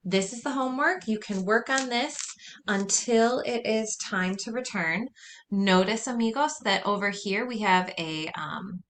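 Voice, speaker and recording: Woman teacher at a middle pitch, patient and methodical as she repeats each word, over a faint hiss. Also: fairly bright tone. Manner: slow, careful drilling of words. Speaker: Spanish teacher. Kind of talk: recorded classroom lesson.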